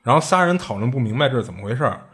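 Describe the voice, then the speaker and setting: Man, husky voice, casual storyteller, chatty and colloquial, restarts and asides. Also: mid-range voice, sing-song, rapid-fire, a bit bright. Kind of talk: casual retelling of strange tales.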